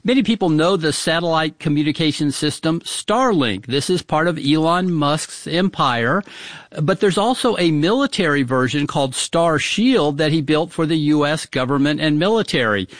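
News correspondent, American male, slightly high voice, dry recording, scripted report. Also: no echo.

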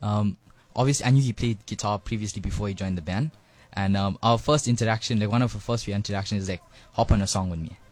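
A man's voice: fairly low pitch, fast, darkish tone, no room sound. An eighteen-year-old man, answering radio interview questions hesitantly with many ums and likes. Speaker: band drummer, guest. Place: radio studio.

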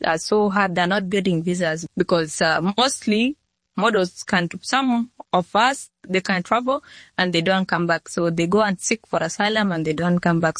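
A woman's voice: lowish voice, dry recording. A nineteen-year-old woman from Sudan, answering interview questions plainly and earnestly, often restarting her sentences. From South Sudan. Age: 19, young adult. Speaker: model, interview guest.

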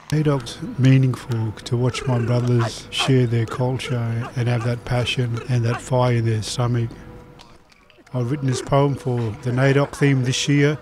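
A man's voice: mid-range voice, noisy background. An Australian man, an inmate poet, speaking earnestly and reflectively in an interview.

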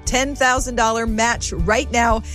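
A woman co-hosting a radio fundraiser with a smooth radio host delivery, reading donor names and phone numbers in an even, measured cadence. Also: fairly high pitch, soft background music. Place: radio studio.

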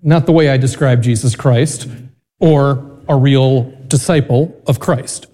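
A man's voice: mid-range voice, measured pace, dark tone. An American man speaking as a priest, reading scripture and preaching in a church with a cathedral-like echo. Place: large reverberant church.

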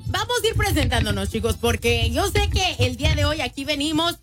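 Una mujer que conduce una entrevista de radio, platicadora y animada, con muchas muletillas. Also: female voice, high voice, big pitch swings, a little fast, music in the background. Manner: upbeat, chatty, frequent fillers. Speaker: radio host. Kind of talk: radio interview.

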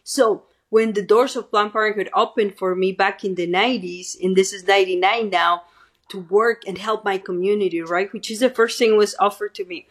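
A middle-aged woman from Mexico City, a guest speaker and activist, gives a talkative interview testimony in a Mexican Spanish accent. Her mid-range voice has fairly even intonation and a moderate pace, and she keeps tagging on "right?".

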